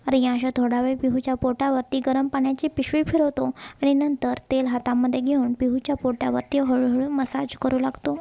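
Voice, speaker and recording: A woman's voice: high-pitched, gravelly, mellow, dry recording. A woman narrating a romantic serial story, chatty with her listeners.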